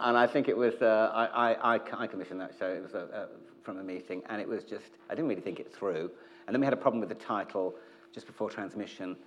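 Man telling candid anecdotes in an interview. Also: lowish voice. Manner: animated retelling, acting out quoted conversations. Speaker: television commissioning executive.

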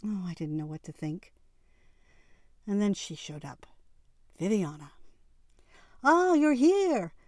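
A woman with a lowish voice reads a first-person novel aloud. Her storytelling is intimate and expressive. The recording is close and dry, with no room sound. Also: unhurried, pauses often, no echo. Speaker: audiobook narrator.

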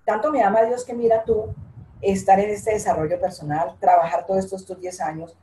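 An older woman talks in a heartfelt, earnest way and circles back over her own phrases. Her voice is mellow and warm. The sound carries a noticeable echo from the room. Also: medium pitch, fairly even intonation, fairly quick, slight background noise. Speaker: guest, interviewee's mother. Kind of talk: emotional interview talk.

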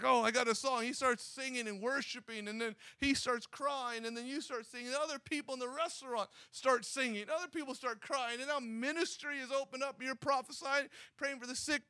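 A male preacher delivers an exhorting sermon, driving his points home through repetition. His voice sits unusually high and rings bright and forceful. The sound is dry and close, with no room echo. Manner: energetic and exhorting, with repeated phrases.

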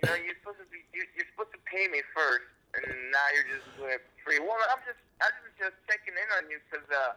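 A man's voice: a little high, lively intonation, fast, hardly any pauses, bright, forceful tone, poor audio. A man calling in on a speakerphone, casual and teasing. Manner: teasing, joking. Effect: heard over a phone on speakerphone. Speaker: caller. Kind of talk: casual chat.

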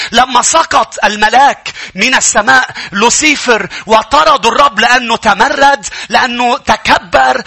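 A man's voice: extremely high pitch, bright, forceful tone, husky. A Lebanese man preaching a sermon as pastor, emphatic, repeating his phrases and addressing the congregation directly.

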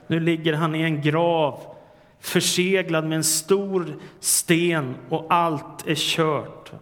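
Swedish-speaking preacher in a reverberant church. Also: male voice, on the high side, fairly even intonation, a bit bright. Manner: earnest, rises to emphatic cries on quoted words. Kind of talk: sermon. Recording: long reverb of a church hall.

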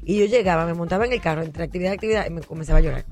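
A woman's voice: lowish voice, soft background music. A middle-aged woman, a political candidate, telling stories in a candid interview. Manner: animated, rapid storytelling.

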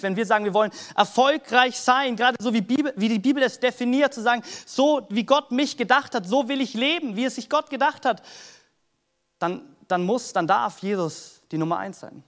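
Pastor, male, high-pitched, earnest, chatty preaching. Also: fairly quick, a bit bright. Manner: earnest, conversational preaching with Bible readings. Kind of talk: sermon.

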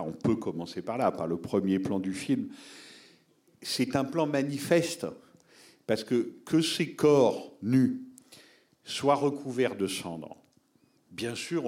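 A man's voice: on the low side, darkish tone. A man giving a public talk on film, answering audience members in an explanatory, emphatic way and addressing listeners directly.

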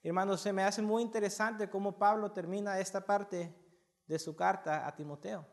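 A man's voice: high voice, fairly even intonation, normal speed, vocal fry. A man preaching a sermon to his congregation, impassioned, repeating words and putting questions to his listeners. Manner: impassioned, repeats words, rising loudness, asks the audience questions.

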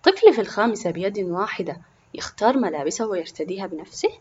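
A woman's voice: medium pitch, lively intonation, fast, darkish tone, highs cut off, a little hiss or hum, natural voice. A woman voicing a condescending, nosy neighbor in a storybook. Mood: snide. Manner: snide, condescending.

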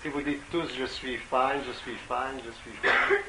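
Over crowd noise and poor audio, a medium-pitched man translates a spiritual address into French at a measured pace. As a consecutive interpreter, he falters, keeps stopping on fillers and says words twice.

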